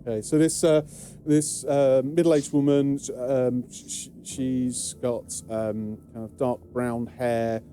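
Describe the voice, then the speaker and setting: A man's voice: mid-range voice, level tone, slow, hardly any pauses, warm tone, a little hiss or hum. A man with a British accent narrating a tabletop game as game master, hesitant with many fillers. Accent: British English. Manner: hesitant, many ums and restarts.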